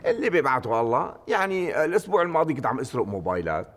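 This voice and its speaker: An actor as a breezy Syrian pickpocket. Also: male voice, medium pitch, racing, close to an everyday voice. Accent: Syrian Arabic. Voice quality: breezy, animated. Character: cheerful easygoing male petty thief.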